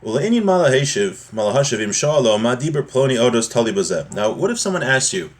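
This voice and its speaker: A man with a voice on the low side teaches an informal religious lesson. He reads from a text and explains it in a halting, repetitive, conversational way.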